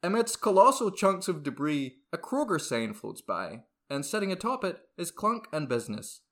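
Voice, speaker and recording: Bright, animated man narrating comedy. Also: a little high, normal speed. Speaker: narrator reading stage directions.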